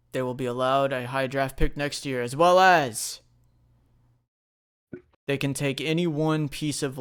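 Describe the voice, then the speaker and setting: Played by a man, a formal male league commissioner proclaiming rewards in a tabletop game. His delivery is stately, with a smooth tone. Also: medium pitch, natural voice.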